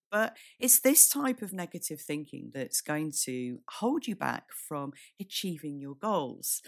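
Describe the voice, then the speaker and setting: Croaky, low-voiced British woman podcasting. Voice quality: croaky, breaking voice. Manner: candid, addresses listener directly. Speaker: podcast host. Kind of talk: solo motivational business podcast, conversational.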